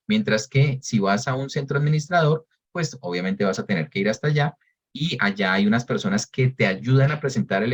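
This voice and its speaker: A man's voice: medium pitch, lo-fi sound. A man with a Colombian Spanish accent presenting an online webinar lesson, explaining as he goes with frequent fillers and rephrasing. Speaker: webinar presenter on English exams.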